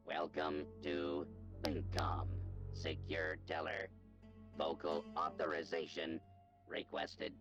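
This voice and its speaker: A man voicing a bank teller computer in a game, speaking in a flat, gravelly, processed machine tone. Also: extremely low pitch, slow pace, lo-fi sound, music in the background, exaggerated voice. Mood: robotic. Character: slow deep male bank teller computer.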